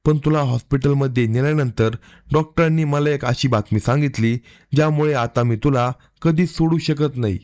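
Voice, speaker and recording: A man's voice: medium pitch, normal speed, darkish tone, natural voice. A man voicing a stern, angry husband in a narrated crime story. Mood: grave. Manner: harsh, commanding.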